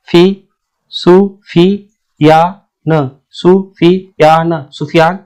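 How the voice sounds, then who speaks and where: A man gives a casual spoken lesson on English letter sounds. His voice sits slightly high. He repeats each sound several times and keeps asking whether the listener follows. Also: a little mellow. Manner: repeats sounds slowly, checks understanding often. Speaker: English teacher.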